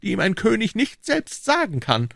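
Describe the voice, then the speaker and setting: A man voicing an excitable young king in a high, fussy, scolding voice, reading a story aloud. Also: creaky, no echo, clean studio sound, exaggerated voice. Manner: shrill, fussy, quick to scold. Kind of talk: audiobook character voice.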